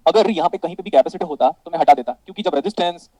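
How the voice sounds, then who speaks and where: A man with an Indian accent teaching electronics in a classroom, mixing Hindi and English. He calls his students "beta", checks often whether things are clear and jokes with them. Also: on the high side, racing, dark tone, dry recording, low-quality recording.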